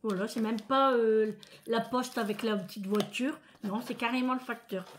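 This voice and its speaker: A woman's voice: on the high side, steady tone, moderate pace, slight background noise. Chatty French woman vlogger. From France. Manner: chatty, emotional, talks straight to viewers. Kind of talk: casual chat.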